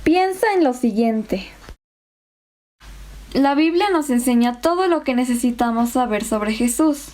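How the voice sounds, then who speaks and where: Slow, mellow-voiced woman. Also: fairly high pitch, animated. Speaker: Sunday school teacher. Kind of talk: children's Bible lesson.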